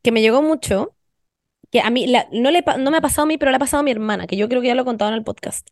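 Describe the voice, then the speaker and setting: A young Chilean-accented woman hosts a podcast, spinning stories in quick, slangy, animated casual chat full of swearing. Her voice sits slightly high, and the recording is close and dry, with no room sound.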